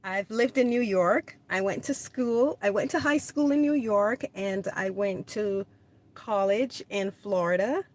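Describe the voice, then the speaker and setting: Here the Jamaican-born woman talks at a measured pace with a medium-pitched voice. She's hosting a relaxed livestream at home in California, fielding viewer comments and breaking into laughter often.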